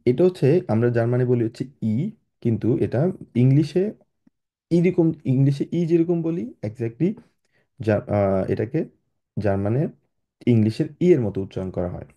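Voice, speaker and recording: A young man whose first language is Bengali teaches German in an online class over a video call, heard through a computer mic. His mid-range voice is animated and mellow, though he speaks hesitantly with many fillers and restarts and spells out letters slowly.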